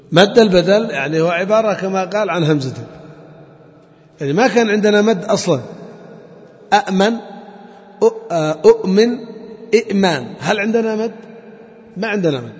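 A high-voiced man leads a class on Arabic morphology, frequently pausing to quiz his students and repeat key terms. The recording sounds dull and lo-fi, with a long room echo hanging on his voice.

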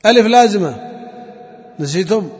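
A man teaching a classroom lesson on Quran recitation, drilling examples slowly, chanting phrases and quizzing his students. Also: high voice, animated, darkish tone. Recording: long reverb, dull lo-fi sound.

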